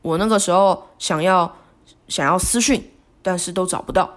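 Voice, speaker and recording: Remorseful woman on a solo podcast. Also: on the low side. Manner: halting, remorseful, with frequent restarts. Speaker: podcast host. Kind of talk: reflective solo podcast monologue.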